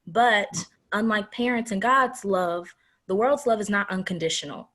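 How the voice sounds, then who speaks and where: A teenage girl, a graduating senior, answering a panel interview over a video call in an earnest, measured way with emphatic repetition. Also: mid-range voice, fairly bright tone. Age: teens.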